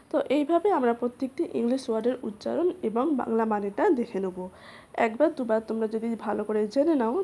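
A woman hosting a lesson, spelling English words letter by letter and repeating their meanings slowly. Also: on the high side, mellow. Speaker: English teacher, channel host.

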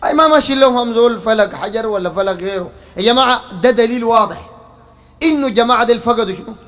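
A man preaching to a gathered crowd in Sudanese Arabic, his voice pitched very high for a man. He speaks rhetorically, throws question after question at his listeners and keeps pulling their attention back to him. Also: quick pace, fairly bright tone, soft background music. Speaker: preacher giving a public lecture. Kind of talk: public religious lecture.

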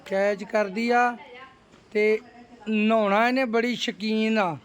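Slow, high-voiced man coaxing his dog. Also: fairly even intonation. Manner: coaxing, repeats short commands to the dog. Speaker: dog owner showing his pet. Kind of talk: casual home video talking to a dog.

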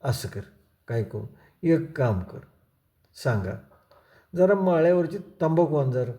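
Brief: a man playing an older villager, calm and teasing, rustic and unhurried, mellow tone. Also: on the high side.

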